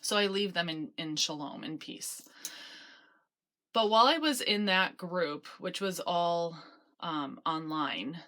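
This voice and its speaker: Female vlogger, lowish voice, chatty and self-deprecating, confessional phone-recorded delivery. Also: animated, slow pace, bright, forceful tone. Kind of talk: casual confessional vlog, talking to camera. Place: small root cellar closet in a basement. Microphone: handheld phone.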